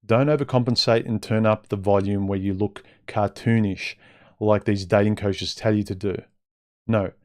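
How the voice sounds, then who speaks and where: Speaking to his live chat, a man hosting a stream offers opinionated, unplanned dating advice in a fairly low, slightly mellow voice. There's a faint muffled, impeded quality to his words, suggesting a mouthguard. His manner is blunt and conversational, full of direct address and rhetorical questions.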